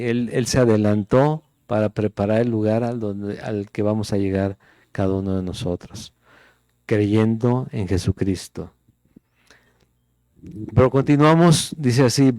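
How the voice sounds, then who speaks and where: A middle-aged pastor preaching in a relaxed, conversational way, reading scripture aloud and checking in with his listeners. His voice is mellow and warm at a middle pitch. The sound is dry and close. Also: no echo. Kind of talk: sermon.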